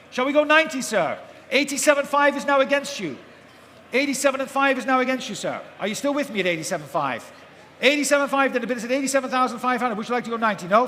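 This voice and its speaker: In a large auction hall before a live audience, a male auctioneer with an extremely high, pushed, bright voice calls bids in a repetitive chant and prompts bidders for the next figure. The amplified live event sounds echoey and noisy.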